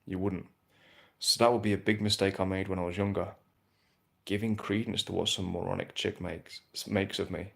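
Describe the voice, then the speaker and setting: Low gravelly man, blunt and casual. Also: little pitch movement, normal speed. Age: 30s. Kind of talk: live stream answering viewer questions.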